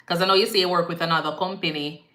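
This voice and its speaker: A woman's voice: on the low side, steady tone, rapid-fire, pushed and bright. A woman with a Jamaican accent, a nurse hosting a casual live Q&A, chatty and repetitive, slipping into patois phrasing now and then. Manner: chatty, repeats herself, slips into patois phrasing. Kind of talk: casual live-stream chat answering viewer comments. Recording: echoey room.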